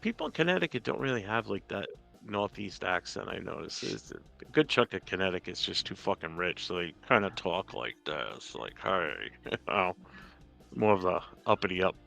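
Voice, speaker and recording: A man from Rhode Island with a deep, gravelly voice and a bright, forceful edge hosts a sports podcast. He talks casually and rambles, swears freely and drops a lot of fillers. Faint music plays behind him. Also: sing-song, moderate pace. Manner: profane, joking, rambling with fillers. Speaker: podcast host.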